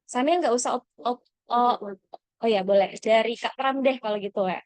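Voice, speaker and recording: A woman's voice: on the high side, moderate pace, a little mellow, no room sound. A woman mentoring scholarship applicants in an online lesson, speaking encouragingly to the audience with frequent fillers and self-corrections.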